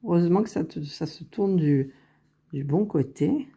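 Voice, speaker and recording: A woman talking her way through a crafting tutorial, unhurried and thinking aloud as she works, correcting herself as she goes, close to her phone. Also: lowish voice, lively intonation, dark tone, breathy edge. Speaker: crafting vlogger. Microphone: phone held very close to the face.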